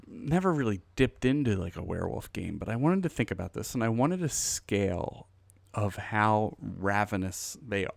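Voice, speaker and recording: A man hosting a solo board game design podcast, thinking aloud in a halting way with restarts while he has the hiccups. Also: lowish voice, vocal fry, no room sound.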